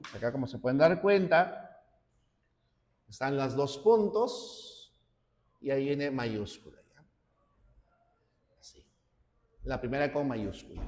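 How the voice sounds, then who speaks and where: A man teaching a class, slow and deliberate, often checking in with his students. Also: on the high side, a little mellow. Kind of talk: classroom lecture. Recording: roomy hall with long reverb.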